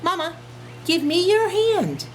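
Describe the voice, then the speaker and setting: Woman acting out a small storybook raccoon boy, high voice, childlike, pleading, affectionate, some background noise. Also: very animated, slow pace, full character voice, low-quality recording. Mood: eager, affectionate.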